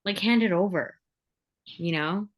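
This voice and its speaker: A woman's voice: medium pitch, measured pace. A woman talking earnestly in a peer support call, chatty and full of fillers. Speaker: peer support group member. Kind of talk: casual spiritual sharing on a video call.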